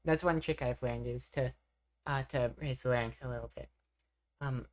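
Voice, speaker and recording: Very low-voiced woman streamer chatting. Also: fairly even intonation, moderate pace, slight background noise. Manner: rambling, self-deprecating, reacting to chat. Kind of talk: casual live-stream chat.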